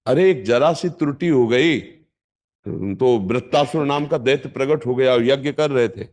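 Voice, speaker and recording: A man's voice: mid-range voice, unhurried, darkish tone. An older man with a North Indian Hindi accent, a spiritual teacher giving a firm, instructive devotional discourse with emphatic repetition.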